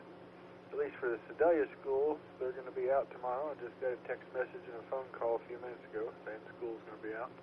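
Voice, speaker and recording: A man checking in on an amateur radio net in an easygoing, chatty way, heard through a radio transmission. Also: medium pitch. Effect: amateur radio transmission with static. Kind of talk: casual on-air check-in. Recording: staticky lo-fi radio signal.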